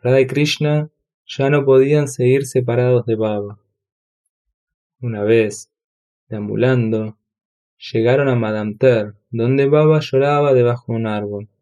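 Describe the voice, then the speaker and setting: A man narrating a devotional audiobook in a measured, solemn reading. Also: medium pitch, steady tone, warm tone. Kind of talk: scripted narration.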